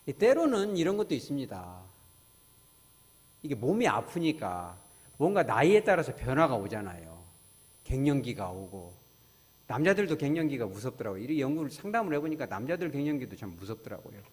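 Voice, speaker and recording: A man preaching a sermon as a pastor, telling stories and acting out conversations in a lively, conversational way. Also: medium pitch, brisk. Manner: storytelling with acted-out dialogue, lively and conversational. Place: church sanctuary. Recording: church hall with long reverb.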